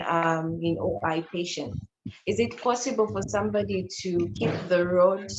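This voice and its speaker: Woman from Zambia asking a question. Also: lowish voice. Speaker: audience member asking a question. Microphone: video call. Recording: echoey, dull, faintly noisy call line.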